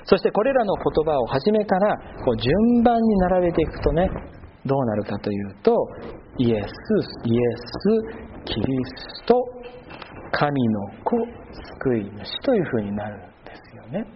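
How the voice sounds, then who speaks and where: A male pastor giving a sermon, patiently explaining and pausing with long drawn-out fillers between phrases. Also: a little high. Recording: muffled with steady background noise.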